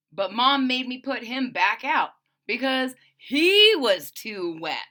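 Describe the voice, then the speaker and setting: With a high-pitched voice, a woman reads a picture book to children, lively and conversational. Between pages she adds friendly asides to her young listeners.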